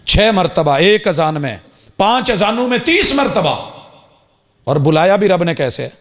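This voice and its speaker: A man preaching a sermon, shifting from quiet storytelling to loud shouted calls, full of rhetorical questions and repeated phrases. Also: high voice, big pitch swings.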